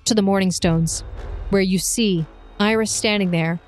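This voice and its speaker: A woman running a tabletop game, improvising descriptive narration with pauses between phrases. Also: medium pitch, steady tone, a little mellow. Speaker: game master. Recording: music behind the voice.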